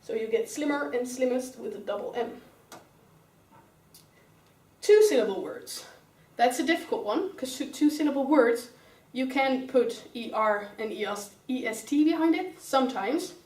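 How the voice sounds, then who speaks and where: A woman's voice: high-pitched, lively intonation, moderate pace, few pauses, darkish tone. A young woman with a Dutch accent, teaching an English grammar lesson step by step and calling on pupils by name. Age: young adult. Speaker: student teacher. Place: classroom. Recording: roomy classroom sound, mic far away.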